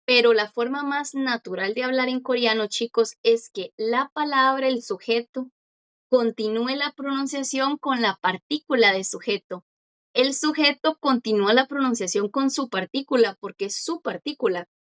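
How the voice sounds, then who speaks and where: A woman teaching a language class online, patiently explaining and slowly repeating words for her students. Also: fairly high pitch, fairly bright tone, highs cut off.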